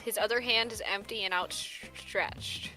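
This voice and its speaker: A woman's voice: medium pitch, big pitch swings, measured pace, pushed and bright, soft background music, rough recording. A woman narrating a tabletop fantasy game as game master.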